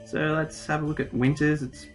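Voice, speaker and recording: A man's voice: a little high, level tone, normal speed, soft background music. A young Australian man recording casual, crude, joking commentary over a game, reading the characters' lines aloud. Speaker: let's play commentator.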